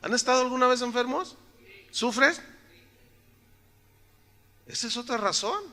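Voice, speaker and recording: A man's voice: very high-pitched, lively intonation, measured pace, pushed and bright. A man preaching a sermon to a church congregation, joking with them and tossing out rhetorical questions. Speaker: pastor.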